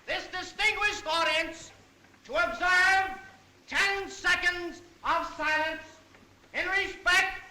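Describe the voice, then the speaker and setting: Pompous old-movie emcee, very high forceful voice, slow n solemn, echoey 30s soundtrack. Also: male voice, slight background noise, full character voice. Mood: solemn, grandiose. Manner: declamatory, pompous. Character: solemn, grandiose male master of ceremonies addressing an audience. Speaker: announcer. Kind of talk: 1930s film acting, public announcement. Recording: old film soundtrack, echoing hall.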